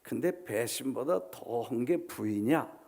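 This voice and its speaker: A middle-aged male pastor preaching a sermon, dramatically acting out quotes, swinging from loud to hushed and dropping in English words. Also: medium pitch, animated, measured pace, vocal fry. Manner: mixes English words into Korean. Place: church sanctuary.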